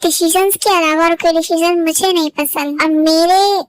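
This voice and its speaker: A woman's voice: very high-pitched, steady tone, normal speed, no room sound. A woman voicing a domineering young man who scolds a friend for questioning his decisions. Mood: scolding. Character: bossy controlling young man. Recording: loud music under voice.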